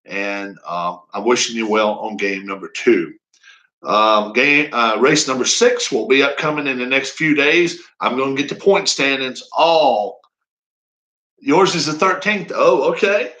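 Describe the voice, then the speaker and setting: A man's voice: medium pitch, a bit bright, poor audio. Rambling folksy man in his fifties. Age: 50s. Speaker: racing league streamer. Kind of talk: casual live-stream chat.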